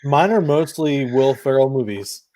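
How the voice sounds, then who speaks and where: A man's voice: medium pitch, animated, moderate pace, dark tone, no room sound. A man from Florida hosting a podcast, chatting casually and joking with movie quotes. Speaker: podcast host. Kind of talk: casual chat.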